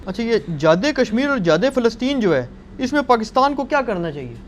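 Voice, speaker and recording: High-voiced man asking polite questions. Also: very animated, a little hiss or hum.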